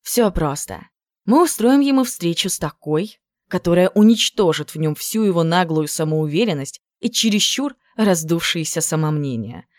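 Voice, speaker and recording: A woman voicing a cool, superior young woman who schemes and gives orders in a measured, sly way. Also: on the low side, expressive, no room sound, studio quality, lightly acted. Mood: scheming.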